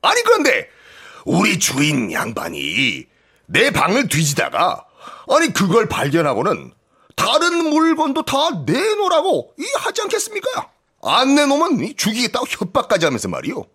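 A man's voice: high voice, huge pitch swings, normal speed, sharp tone, slightly rough, heavily acted. An actor playing a sly, scheming male servant in a radio drama reading, wheedling and theatrical. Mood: pleading. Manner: cunning, fawning, theatrical pleading.

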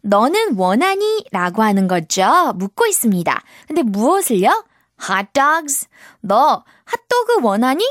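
A woman teaching English to children in a bright, encouraging tone. Her voice is fairly high, and her pitch bounces around a lot as she models each word at an unhurried pace. The sound is dry and close, with no room echo. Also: very animated.

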